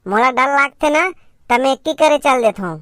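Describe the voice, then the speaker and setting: A woman's voice: high-pitched, animated, moderate pace, a bit bright, no room sound, clean studio sound. A woman with a Chhattisgarhi accent performing a comedy sketch as a cheeky pupil who talks back to her teacher.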